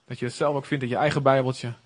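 A man's voice: mid-range voice, flat delivery, fast. A man preaching a sermon in an earnest, conversational way, with emphatic moments.

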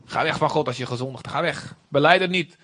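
A man's voice: a little high, fairly quick, bright, forceful tone. A preacher playing the devil as a pushy male accuser. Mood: urging. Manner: pushy, urging.

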